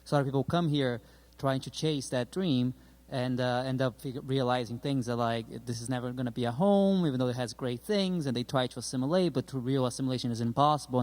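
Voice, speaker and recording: A man's voice: mid-range voice, darkish tone. A man with a Brazilian accent and a mid-range voice explains his thinking in a loose, rambling way. He speaks casually and thinks aloud as he goes. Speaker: playwright. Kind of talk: casual interview talk.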